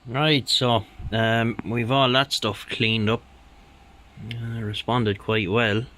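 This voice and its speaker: Delivering a casual running commentary while he repairs a radio, this hobbyist restorer hesitates, takes his time, and sometimes mutters to himself. He has a mid-range voice with a sharp tone and a flat delivery.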